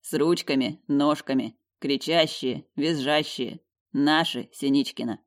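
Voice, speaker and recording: A woman's voice: sits low, a little slow. A woman reading the lines of an affectionate young husband who teases his wife. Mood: tender.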